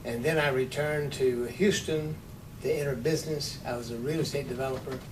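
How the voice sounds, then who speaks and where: An older man in his nineties recalls his life in an office interview, unhurried and dryly funny. He sits at a distance from the mic, and a steady low rumble runs under his voice. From Texas. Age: 90s. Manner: unhurried storytelling with dry humor. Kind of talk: oral history interview. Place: office with large windows.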